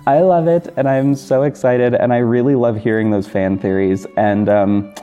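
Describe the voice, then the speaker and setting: The audio is dull, with music underneath, carrying a warm, mid-range male voice that keeps a steady tone at normal speed. He's a podcast host and audio drama creator chatting informally on his own to listeners, gushing with enthusiasm.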